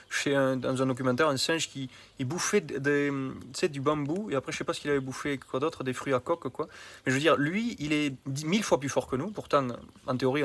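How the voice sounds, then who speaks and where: Male health coach, casual vlog, talks straight to the viewer, familiar and slangy, punchy emphasis. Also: medium pitch. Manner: colloquial and familiar, addresses the viewer directly.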